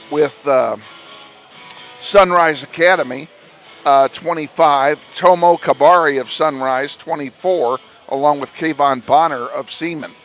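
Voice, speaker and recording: A Midwestern American man gives an informal pregame tournament recap with a higher-than-usual voice. He stumbles through fillers and corrects himself, sounding a little out of breath, and faint music plays behind him. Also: fairly bright tone. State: slightly out of breath. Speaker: play-by-play broadcaster. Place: school gym broadcast booth.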